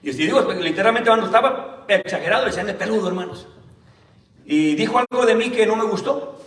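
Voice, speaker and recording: Pastor guy preaching, kinda high voice, sounds far off the mic in a big echoey church. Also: expressive, a bit bright. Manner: keeps calling the listeners "brother" in almost every phrase; reads scripture aloud slowly and deliberately. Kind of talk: Sunday sermon. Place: church hall. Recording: roomy church hall, mic at a distance.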